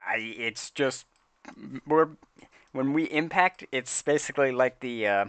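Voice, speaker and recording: A man talks casually as a tabletop game player. His voice sits at a middling pitch and has a bright edge. The sound is dry. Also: measured pace, clean tone, dry recording.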